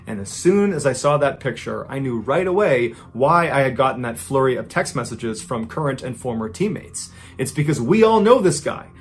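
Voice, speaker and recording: This is a man in his thirties, an American podcaster, telling a true story in the first person with a conversational yet scripted feel. His husky, mid-range voice has a sing-song quality, moving at normal speed with hardly any pauses and chaining thoughts together with "and so."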